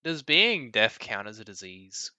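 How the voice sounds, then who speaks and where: A man's voice: on the low side, sing-song, a little slow, sharp tone. A man playing a tabletop game, hesitant and joking. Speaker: player.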